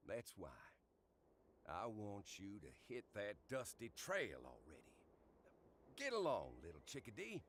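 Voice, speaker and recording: A man's voice: fairly low pitch, sing-song, unhurried, a bit bright, slight background noise. An actor playing a proud older small-town father in a video game, fatherly, folksy and encouraging, with an American Southern accent. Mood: earnest, encouraging. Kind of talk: dramatic video game voice acting. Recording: music under the voice.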